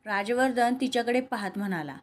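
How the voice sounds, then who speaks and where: A woman's voice: a little high, expressive, brisk. A woman reading a romantic serial story aloud, voicing every character in her own voice. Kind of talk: scripted story narration with dialogue.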